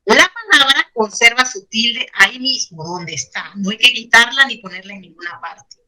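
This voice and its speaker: A woman's voice: fairly high pitch, animated, sharp tone, rough recording. A woman teacher explaining spelling rules to her students, patient and repeating each point. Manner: patient, explains slowly with repetition and diminutives. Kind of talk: online Spanish grammar lesson.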